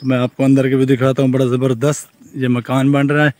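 Speaking into a phone held out in selfie position, a young vlogger from Pakistan shows off a farm and building site with enthusiasm, his Urdu carrying a Saraiki-region accent and lines like "look at this" repeated often. His mid-range, darkish voice moves little in pitch and comes out brisk. The recording is dry.

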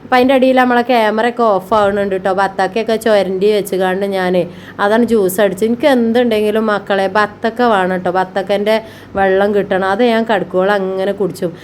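A family vlogger gives a homey, chatty voice-over about housework in a steady, mid-range voice at a brisk pace, with a little hiss or hum. She is affectionate, calls her viewers "children," and uses frequent tag particles.

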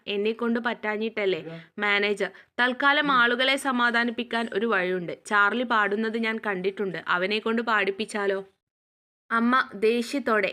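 A woman's voice: a little high, bright, forceful tone. A woman teacher reading a school lesson aloud, going steadily through a play script and study notes with a few small slips.

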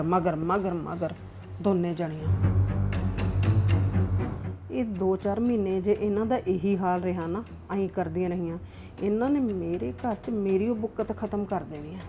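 A woman's voice: a little high, fast, dull audio, over music, natural voice. A woman acting as a scheming, nagging middle-aged mother-in-law who lectures and scolds in a family drama. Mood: muttering scheming.

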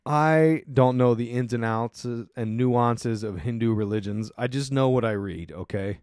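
A male podcast host riffs casually on his own, wandering from point to point and dropping sarcastic asides. His voice sits at an ordinary middle pitch for a man. The recording is close and completely dry. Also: a little slow, a little mellow, no echo. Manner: wry, rambling, sarcastic asides. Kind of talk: casual solo commentary.

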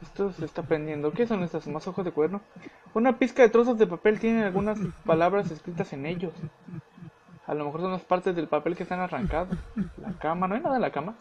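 Let's play host, male, high voice, jumpy and profane when scared. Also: fast talker, a little mellow, dull audio. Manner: swears and yelps when startled. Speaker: gameplay commentator. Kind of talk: let's play commentary, reading game text aloud.

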